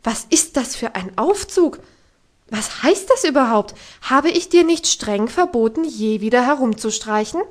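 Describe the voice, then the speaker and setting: A woman's voice: fairly high pitch, animated, a little slow. A woman voicing a strict, easily outraged housekeeper in an audiobook, scolding in indignant outbursts. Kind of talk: audiobook reading.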